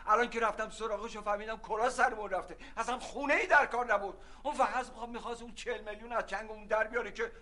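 An actor playing a flustered middle-aged husband caught in a family feud, pleading and blustering. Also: male voice, high-pitched, steady tone, few pauses, pushed and bright. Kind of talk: TV drama acting.

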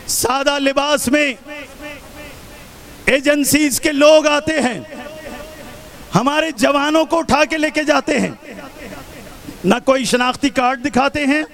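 A man from Pakistan giving an impassioned protest speech at an outdoor rally, often shouting and firing rhetorical questions at the crowd. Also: very high-pitched, pauses often. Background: faint crowd.

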